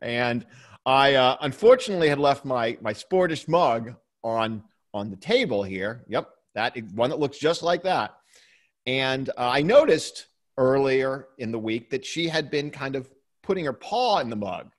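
A man's voice: mid-range voice, expressive, unhurried. A man co-hosting a podcast from his home basement studio, chatting casually and rambling with restarts and chuckles. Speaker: podcast co-host. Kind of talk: casual chat.

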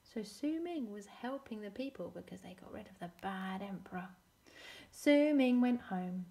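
A woman teacher reading a storybook aloud to children, expressive, often dropping to a whisper and asking questions. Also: mid-range voice.

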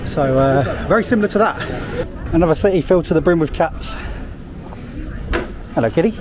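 Street sounds and traffic fill this noisy outdoor clip of an English travel vlogger strolling busy city streets. He talks casually into a handheld camera at arm's length, with a mid-range voice, rambling and leaning heavily on fillers.

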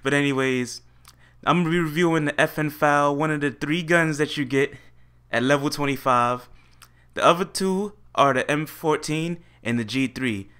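Bright-voiced young gaming commentator guy. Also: mid-range voice, smooth. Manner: chatty, joking, easygoing. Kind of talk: casual game review commentary. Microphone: USB desktop mic.

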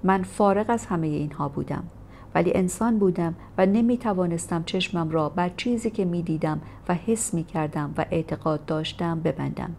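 A woman narrating a first-person memoir in a steady, measured audiobook reading. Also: fairly low pitch, slight background noise. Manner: steady, measured storytelling delivery.

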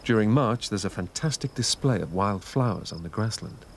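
A man narrating a scripted nature documentary in a measured, informative way. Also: fairly low pitch, animated, a little hiss or hum.

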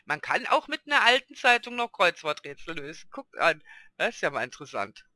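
A man's voice: a little high, big pitch swings, fairly quick, sharp tone, no echo. A man hosting a casual Let's Play, chatting and talking fondly to the characters on screen. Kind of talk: casual gameplay commentary.

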